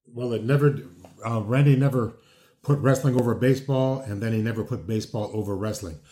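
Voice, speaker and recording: Speaking fairly quickly in a warm, mid-range voice, a man in his sixties who once wrestled and now hosts a podcast rambles through a casual interview chat, full of fillers and restarts.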